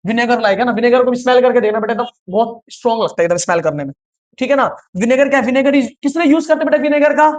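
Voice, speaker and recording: A man's voice: very high voice, expressive, rapid-fire, dull audio. A male science teacher lecturing an online class. He quizzes his students, repeats each answer, and keeps reassuring them in a coaxing tone. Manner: repetitive quizzing, calls students "beta".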